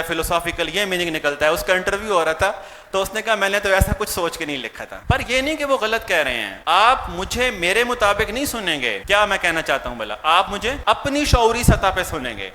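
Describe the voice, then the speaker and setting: Bright-voiced Pakistani man lecturing teachers. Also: high voice, expressive, big-room sound, a little hiss or hum. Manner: mixes Urdu with English words, asks the audience questions. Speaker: English teacher.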